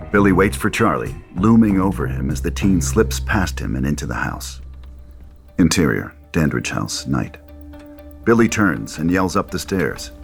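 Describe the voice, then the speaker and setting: A narrator with a deep, gravelly voice reads scripted dramatic stage directions. He delivers them deliberately, like a storyteller.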